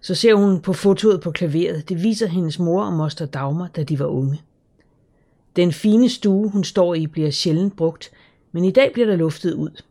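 A woman calmly narrating a children's story in a measured, scripted reading. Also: on the low side. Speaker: audiobook narrator.

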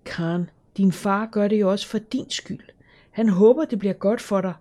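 A woman reading the lines of a gentle middle-aged aunt who soothes a child while breaking hard news. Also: mid-range voice, voice pushed up, close to an everyday voice. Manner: soft, soothing, slightly shaky.

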